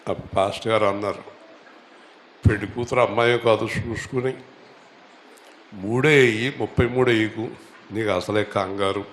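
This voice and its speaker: A male pastor preaching to his congregation. He asks them questions, has them repeat lines and rises to loud, high exhortation. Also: fairly even intonation, moderate pace, pauses often, a little hiss or hum. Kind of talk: Telugu church sermon. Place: church hall. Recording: echoey church hall.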